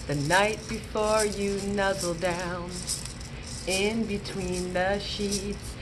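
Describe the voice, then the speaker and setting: A woman hosts a children's storytime, reading aloud and chatting playfully and animatedly with young kids the way a children's librarian would. Her medium-pitched voice stays level and slow, and there's music underneath.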